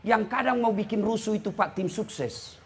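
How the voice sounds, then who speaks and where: A man with a Makassar Indonesian accent preaching a lively sermon, teasing and scolding his listeners with jokes, over faint noise from a live venue. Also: high voice, normal speed.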